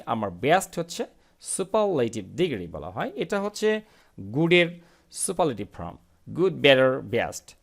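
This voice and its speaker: English teacher, gravelly, lively pitch, reads lines slowly then explains them. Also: male voice. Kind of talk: English reading lesson explained in Bengali.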